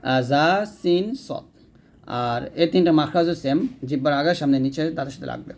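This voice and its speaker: A man's voice: a little high, brisk, darkish tone. A man teaching Quran letter pronunciation step by step, demonstrating each sound and checking in with his students. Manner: corrects his own slips mid-sentence. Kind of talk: spoken lesson on letter pronunciation.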